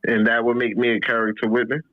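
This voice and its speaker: A man's voice: medium pitch, monotone, quick pace, no room sound. A podcast host asking loose, slangy questions, stumbling and restarting as he goes. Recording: dry tinny phone-like line.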